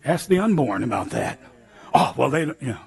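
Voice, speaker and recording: An older American man preaching a sermon in an animated, emphatic way, with sudden shouted lines and a slightly husky voice. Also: mid-range voice, a little fast. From United States. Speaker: pastor.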